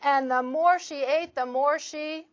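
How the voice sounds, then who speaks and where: Slow expressive woman reading a picture book. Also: high-pitched, lo-fi sound. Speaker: storytime reader.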